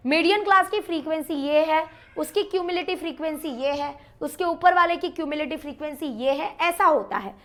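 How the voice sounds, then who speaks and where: A woman's voice: high-pitched, a little fast, few pauses, a bit bright. A woman teaching a math lesson at a board, counting aloud, mixing in English terms and quizzing the class. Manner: mixes English terms into her talk.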